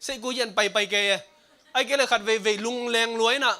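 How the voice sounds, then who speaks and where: A man preaching a sermon at a church service streamed online, talking in an animated way and laughing now and then. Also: extremely high pitch, fairly quick.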